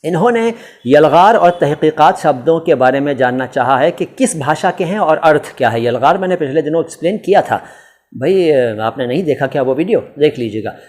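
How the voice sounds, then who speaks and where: A man's voice: on the high side, animated, brisk, darkish tone. A man from India hosting a casual question-and-answer lesson on word meanings. He talks in a chatty, teacherly way, quizzing himself and answering with playful asides. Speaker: language channel host answering viewer questions. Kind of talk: casual Q&A explainer.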